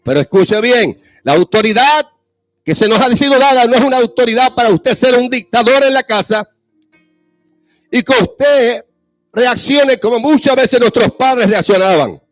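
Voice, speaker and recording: High-voiced preacher man. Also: animated, moderate pace, no echo, soft background music. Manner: speaks straight to the fathers in the audience with rhetorical questions. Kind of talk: sermon.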